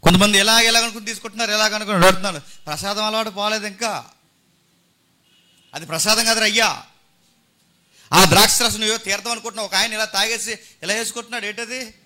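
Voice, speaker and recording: A middle-aged male pastor preaching with high, piercing force. His delivery is theatrical, with sudden swings between loud bursts and hushed asides. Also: steady tone, rapid-fire. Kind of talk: Telugu sermon.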